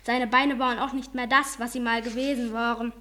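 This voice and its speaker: A woman narrating a children's audiobook in an animated storytelling manner. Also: on the high side, brisk. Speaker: reader.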